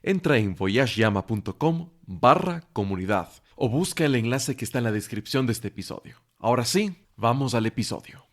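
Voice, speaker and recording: A man reading a brisk scripted podcast promo aimed at listeners. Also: mid-range voice, animated. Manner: brisk and friendly, addressing listeners directly. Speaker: podcast announcer.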